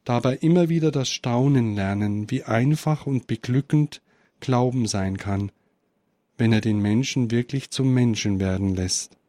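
A man giving a spiritual Christmas reflection and reading a story aloud, in a measured, contemplative way. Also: mid-range voice, mellow, dry recording. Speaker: spiritual speaker.

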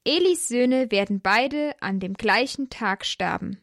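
A woman voicing God in a storybook, with a solemn, unhurried voice that sounds set back and distant. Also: fairly high pitch, expressive, no room sound, clean studio sound. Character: God, a calling voice from afar.

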